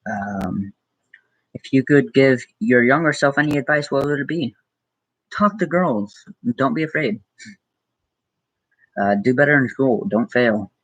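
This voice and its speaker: A teenage boy with an Arizona accent hosts a casual live Q&A from his room as a small YouTuber, using a computer mic. His mid-range voice is animated but a little slow, with frequent pauses; he hesitantly reads viewer questions aloud and answers offhand with lots of ums and likes. The recording is rough, with no echo.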